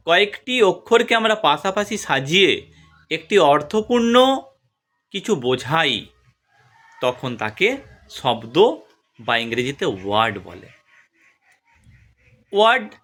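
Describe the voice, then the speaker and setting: A young man teaching a grammar lesson, spelling words out letter by letter and drawing syllables out slowly, asking questions and then answering them himself. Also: a little high, a bit bright. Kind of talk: spoken classroom lesson.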